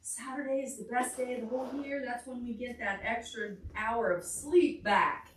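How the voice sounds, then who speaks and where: At a public library's indoor room, a woman with a somewhat high voice runs a preschool storytime at normal speed, praising little ones and giving simple directions through alphabet and counting songs. The audio is echoey, the mic distant, and background noise clearly audible.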